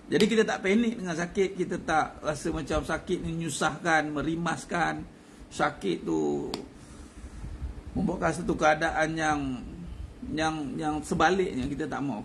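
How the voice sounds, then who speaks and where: A man's voice: a little high, creaky, slight background noise. A man giving a casual religious talk, chatty, repeating his phrases and chuckling often. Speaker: religious teacher.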